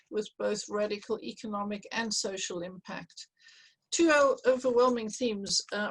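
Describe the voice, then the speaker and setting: Husky-voiced woman chairing a panel. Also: on the high side, fairly bright tone, rough recording. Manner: measured questions with hesitant restarts. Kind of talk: moderating a virtual panel discussion.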